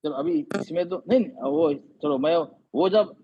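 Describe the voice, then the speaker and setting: A man's voice: high voice, very animated, unhurried, creaky. A male Quran teacher explaining reading rules in an online class, patiently quizzing his students again and again. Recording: dull lo-fi audio.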